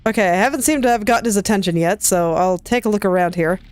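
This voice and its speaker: A woman's voice: mid-range voice, smooth. A woman giving casual, chatty commentary as she plays a video game, talking to herself as she goes. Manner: chatty, self-talking, quick laughs. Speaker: let's play gamer.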